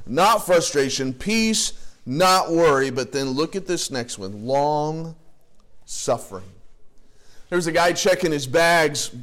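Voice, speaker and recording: A male pastor preaching a sermon in a conversational way, with joking asides and lists read with rising emphasis. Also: on the high side.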